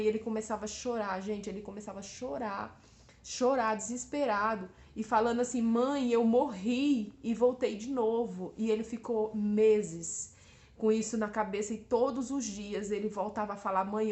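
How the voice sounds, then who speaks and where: A Brazilian woman in her thirties giving a church testimony as a mother, speaking hesitantly and often appealing to her listeners. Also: on the high side. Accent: Brazilian Portuguese. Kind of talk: church testimony addressed to the congregation. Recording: roomy echo.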